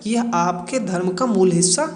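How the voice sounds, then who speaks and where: A male educational explainer presenter with a high voice speaks at normal speed in an echoey, reverberant room. Like a teacher, he gives a didactic lecture on current affairs, posing rhetorical questions and answering them himself.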